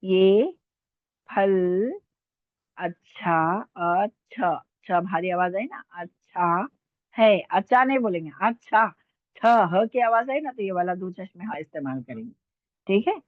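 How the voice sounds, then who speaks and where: Lady teacher going over letters slow and patient, tinny dry phone-ish audio. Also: mid-range voice, expressive, dry recording. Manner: patient, repeats sounds slowly, checks with "है ना?". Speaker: Urdu teacher. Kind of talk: online language lesson.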